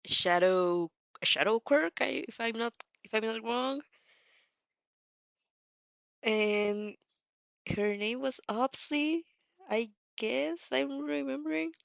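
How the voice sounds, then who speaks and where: Her medium-pitched voice has a fairly bright tone. She's a young woman, not a native English speaker, hosting a stream where she reacts to fan fiction in a casual, rambling chat, sounding hesitant and giggly and frequently self-correcting. The recording is dry, captured on a dull lo-fi mic with faint music behind.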